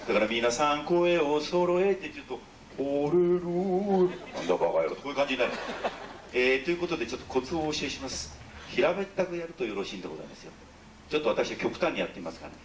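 Joking, overly polite stage entertainer. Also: male voice, mid-range voice, very animated, racing, noisy background. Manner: jokey, overly polite, teasing the audience. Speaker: entertainer leading an audience sing-along. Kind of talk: live stage banter with call-and-response singing. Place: ship's concert hall with an audience. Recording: roomy, distant live hall recording with music. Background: instrumental music.

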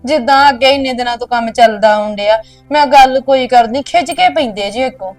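Woman playing a coaxing high-voiced young wife. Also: fairly quick, soft background music, lightly acted. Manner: coaxing, soft and pleading. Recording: distant from mic.

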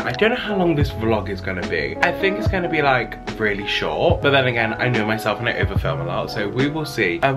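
A young man chatting casually to camera in an expressive, playful vlog, filmed at home on a handheld camera. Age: young adult. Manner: chatty, expressive and playful, swings up high for emphasis. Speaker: vlogger. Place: bedroom and bathroom at home. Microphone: handheld camera close up with small clip mic.

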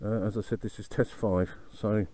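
A man's voice: on the low side, little pitch movement, moderate pace, dry recording. A man giving casual commentary while riding, speaking into a microphone inside his motorbike helmet, as over a helmet intercom. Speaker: motorcycle vlogger. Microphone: foam-covered microphone in helmet cheek pad. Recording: loud wind, engine and road noise.

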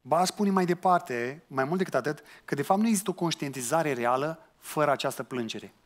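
A man preaching a sermon, earnestly putting questions to his listeners and mixing in colloquial asides. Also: fairly high pitch. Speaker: pastor.

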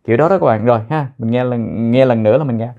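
A man's voice: medium pitch, fast talker, vocal fry, phone-quality sound. A male teacher explaining and repeating English phrases one by one, drilling their pronunciation and meaning.

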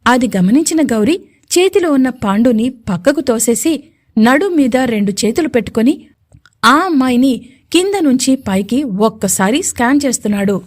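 A woman narrating a romantic audio story in a steady storytelling manner. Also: sits high, moderate pace. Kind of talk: scripted narration.

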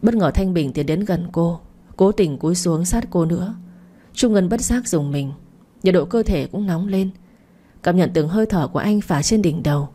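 A woman narrating a romance story for a late-night radio channel in a calm, even storytelling manner. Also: on the low side, normal speed.

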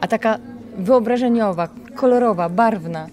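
A woman's voice: mid-range voice, moderate pace, darkish tone. A woman radio interviewer asking long, chatty questions outdoors into a handheld mic. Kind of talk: casual interview. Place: outdoor garden courtyard.

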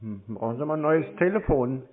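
A scam-baiter taking calls chats casually in a mid-range, expressive voice, brisk and needling with a laconic, dry manner. The sound is muffled and narrow, typical of a phone call.

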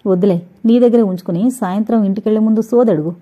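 A woman's voice: mid-range voice, fast, warm tone, natural voice. A woman voicing a playful young male college student in a dramatized audio novel, joking and teasing. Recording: dull lo-fi recording.

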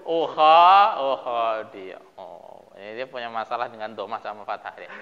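An Indonesian man teaching Arabic grammar in a classroom, calling on students by name and chanting verses slowly. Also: medium pitch, fairly bright tone, big-room sound, highs cut off. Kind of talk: classroom lesson drilling verb forms.

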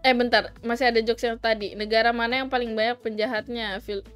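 A woman with a somewhat high voice hosts a casual livestream. She chats and giggles, reads her chat aloud and teases her viewers. Soft music plays behind her. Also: flat delivery, a little fast, smooth. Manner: playful, teasing, mixes in English. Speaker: livestream host.

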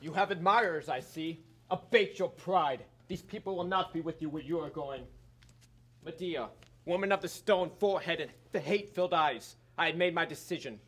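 A man's voice: on the high side, moderate pace, a bit bright. A young man acting a stern, commanding king on stage, speaking harshly and with authority. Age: young adult. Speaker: student stage actor.

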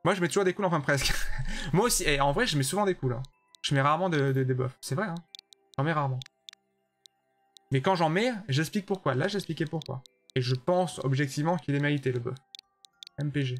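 Chatty streamer, slightly high voice. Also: male voice, fairly quick, pauses often, faint music behind. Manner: chatty, judges viewer levels bluntly, answers chat by name. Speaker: streamer playing a level-making platform game. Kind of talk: casual live-stream commentary to chat.

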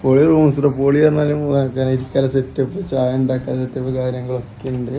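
A man vlogging in casual Malabar Malayalam peppered with English words. He talks informally, with slangy exclamations and repeats, at an average pitch. There is some noise and ambience behind him. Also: monotone, quick pace, mellow. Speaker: family travel vlogger. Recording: noisy handheld vlog with background ambience.

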